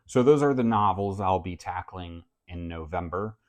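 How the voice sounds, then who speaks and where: A man who grew up in France, talking casually to camera about his reading list in a relaxed, measured way. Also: deep voice. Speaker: book vlogger. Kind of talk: casual book talk to camera.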